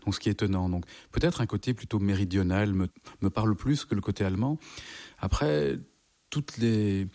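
A man in his forties, a guest in an interview, answering thoughtfully with frequent pauses and restarts. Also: on the low side, dark tone. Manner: thoughtful, halting, many restarts.

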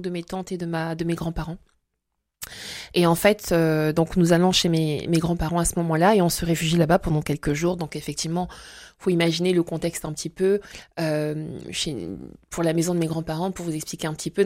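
Low-voiced woman giving hesitant testimony. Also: a little mellow, dry recording, clean studio sound. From Congo-Brazzaville. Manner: hesitant, many pauses and fillers. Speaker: interview guest. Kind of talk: personal faith testimony.

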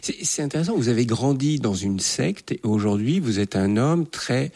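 A man's voice: medium pitch, expressive, moderate pace, a little mellow. A man interviewing a guest, asking probing, empathetic questions.

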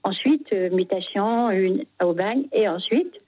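An older Frenchwoman calling in to a radio show, talking haltingly with frequent restarts as she shares her memories. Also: mid-range voice, expressive, slightly rough, no echo. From France. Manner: hesitant, halting, many restarts. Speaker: radio caller. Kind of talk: phone-in testimony. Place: her home. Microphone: telephone. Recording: phone line.

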